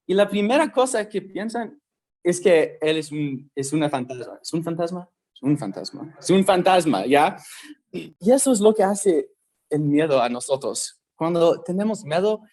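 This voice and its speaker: A man giving a casual Bible lesson, talking slowly and conversationally and checking in with his listeners often. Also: on the high side, darkish tone. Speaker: youth Bible teacher.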